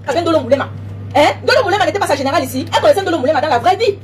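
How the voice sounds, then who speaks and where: Rapid-fire emphatic woman. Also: high-pitched, animated, a little hiss or hum. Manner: emphatic, repetitive, taunting, frequent "hein?". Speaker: online commentator. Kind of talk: heated direct-address monologue.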